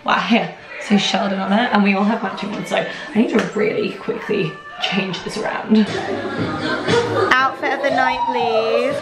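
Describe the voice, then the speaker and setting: A young adult woman chatting casually and excitedly with friends for a vlog, gushing over things. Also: medium pitch, normal speed. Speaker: vlogger on a bachelorette weekend. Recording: loud music over the voice. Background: loud music.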